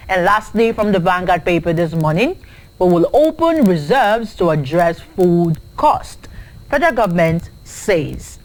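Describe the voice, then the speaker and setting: A Nigerian woman hosting a morning newspaper review on air. She reads each headline and page number at a brisk clip. Now and then she drops in a short aside of her own. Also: fairly low pitch, poor audio. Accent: Nigerian English. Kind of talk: reading headlines and studio chat.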